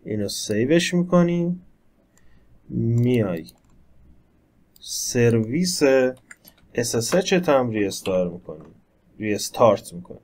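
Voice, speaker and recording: A man's voice: medium pitch, big pitch swings, long pauses, a little mellow. A man teaching a screen-recorded tech tutorial, talking casually and explaining each step as he works the computer. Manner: conversational, explains step by step while operating the computer. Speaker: instructor.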